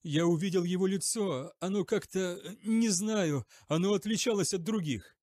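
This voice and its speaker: A frightened young knight , as a male reader puts him on, pleads and protests in a strained, high voice. His lines rise sharply as he insists on his innocence. The audiobook recording sounds close and dry. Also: normal speed, darkish tone, dry recording, natural voice. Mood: pleading, anxious. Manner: desperate, protesting, raising his voice.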